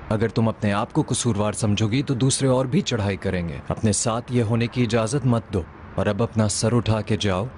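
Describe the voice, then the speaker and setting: A man dubbing a calm, supportive young man in a TV drama, speaking steadily and firmly. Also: on the low side, slight background noise, close to an everyday voice. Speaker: dubbed actor. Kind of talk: dubbed TV drama.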